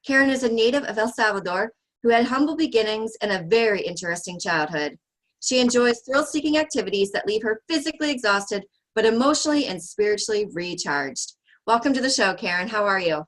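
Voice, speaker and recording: A woman's voice: fairly high pitch, brisk, a bit bright, low-quality recording. A woman hosting a podcast interview, opening with a polished, upbeat scripted introduction. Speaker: podcast host.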